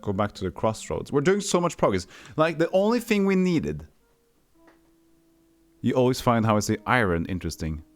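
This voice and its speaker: A Texan man with no regional accent chats casually while streaming a retro game, reading its text aloud and answering his chat. His mid-range voice is sing-song at a normal speed, with faint music in the background.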